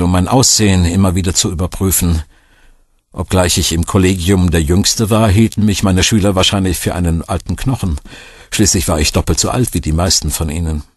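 Deep, husky male audiobook narrator. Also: dry recording, clean studio sound. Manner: wry, expressive storytelling. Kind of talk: scripted narration.

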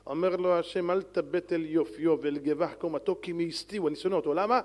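A man, a rabbi, giving a sermon in an animated, lively way, swinging between loud calls and soft pleading. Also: a little high. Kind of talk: Torah lecture sermon. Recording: long hall reverb.

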